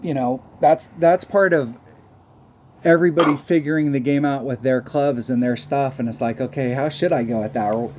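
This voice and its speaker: Mellow-voiced joking man hosting a game video. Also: mid-range voice, moderate pace, a little hiss or hum. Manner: joking, crude, rambling. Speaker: host. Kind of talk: casual gaming commentary.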